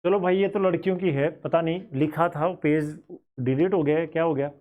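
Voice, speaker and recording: A man's voice: on the high side, moderate pace, narrow, tinny audio. A man with a Haryanvi-flavoured Hindi accent teaching students about exam cut-offs in a conversational, thinking-aloud way.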